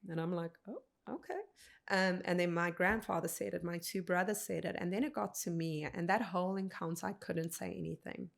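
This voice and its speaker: A woman in her thirties from South Africa, a podcast guest telling a personal story in an earnest, measured way, quoting what people said. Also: fairly low pitch, fairly even intonation, vocal fry. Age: 30s.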